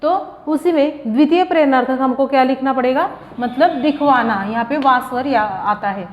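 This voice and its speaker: A woman with a high voice teaches a grammar lesson at a moderate pace in a classroom or coaching room, explaining step by step and answering her own questions. The recording is echoey, with a dull lo-fi sound.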